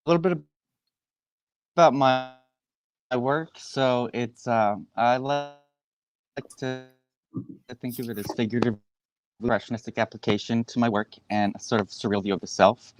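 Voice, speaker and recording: A man's voice: medium pitch, steady tone, moderate pace, pauses often. A man, answering interview questions thoughtfully and hesitantly, with many fillers. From Boston, USA. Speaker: guest artist. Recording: dull dry lo-fi line.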